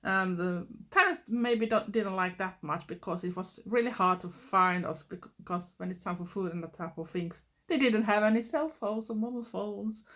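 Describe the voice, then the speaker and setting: A middle-aged woman from Sweden with a Swedish accent, talking through a get-to-know-me video in a thoughtful, unhurried way with fillers and restarts. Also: medium pitch, a bit bright. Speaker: vlogger. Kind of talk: get-to-know-me tag monologue.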